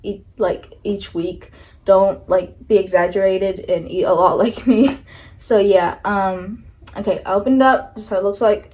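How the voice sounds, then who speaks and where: A woman's voice: medium pitch, fairly even intonation, a little slow, darkish tone, poor audio. A young woman talking casually and nervously through a makeup tutorial, filling her talk with likes and ums. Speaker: beauty vlogger.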